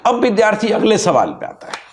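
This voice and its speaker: Male law teacher, kinda high voice, hammers points home and repeats stuff. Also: wildly swooping pitch, brisk, slight background noise. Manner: emphatic, repeats key points, spells out words letter by letter. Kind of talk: lecture and channel introduction.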